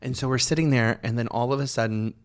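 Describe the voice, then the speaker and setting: A man co-hosting a podcast, telling a story in animated casual chat, full of fillers and swearing. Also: mid-range voice, fast, clear, resonant tone. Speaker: podcast co-host.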